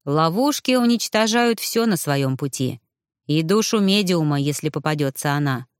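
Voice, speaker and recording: Woman putting on a stern old ghost mage, storybook, lowered voice. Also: lively intonation, moderate pace, no room sound, clean studio sound, lightly acted. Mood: grim. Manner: instructive, grim. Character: old male ghost, stern great-grandfather and former mage.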